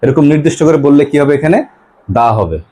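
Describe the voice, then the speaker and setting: A man's voice: a little high, expressive, mellow. A male teacher from West Bengal, teaching an English grammar lesson to a class, asking pupils questions and repeating their answers. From West Bengal, India. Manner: reads English examples slowly.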